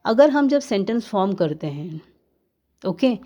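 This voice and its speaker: A woman's voice: mid-range voice, very animated, unhurried, warm tone. A woman teaching an English grammar lesson, explaining step by step, spelling words letter by letter and answering her own questions while mixing English and Hindi.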